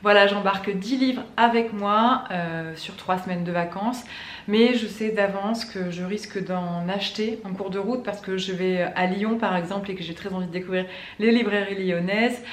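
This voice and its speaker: A woman's voice: mid-range voice, moderate pace. A woman book vlogger chatting casually to camera about her reading plans, with frequent fillers and restarts. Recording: echoey room with faint ambient noise.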